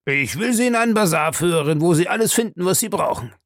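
A man voicing a sly, calculating police agent who keeps probing with smooth questions in a storybook reading. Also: high voice, expressive, fast talker, no room sound, clean studio sound, pitched above the performer's own voice.

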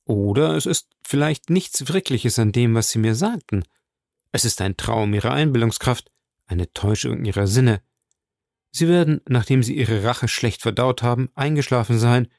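A man reading an audiobook, voicing a cool, ironic aristocratic count who speaks calmly and sardonically. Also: medium pitch, gravelly, no echo, studio quality, natural voice. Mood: sardonic. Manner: calm, sardonic, measured.

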